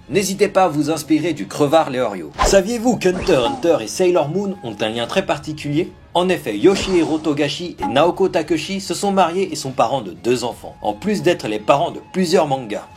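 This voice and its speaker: Lively man narrating trivia over music. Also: a little high. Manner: lively, playful delivery with rhetorical questions. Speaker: anime trivia youtuber. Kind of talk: energetic scripted vlog narration. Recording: music bed under the voice.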